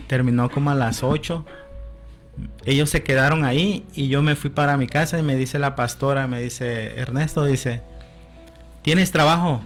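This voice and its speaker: A man telling his personal testimony as a radio guest, often adding "amén" and quoting conversations. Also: mid-range voice. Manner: storytelling, with frequent "amén" and quoted dialogue.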